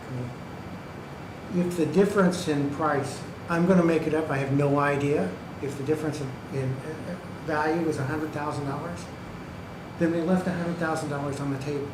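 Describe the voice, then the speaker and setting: In a county government meeting room, a man gives public comment, pressing his points emphatically and checking in with "okay" and "right." His voice is a little high and a little slow, with fairly even intonation, recorded in an echoey hall with background noise.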